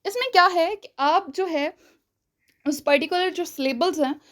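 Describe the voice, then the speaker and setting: A woman teaching a spoken-English lesson, explaining step by step, checking in often with her listeners, and showing volume changes, pauses and stretched words. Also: very high voice, fairly bright tone. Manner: explanatory, checks in with frequent "theek hai?".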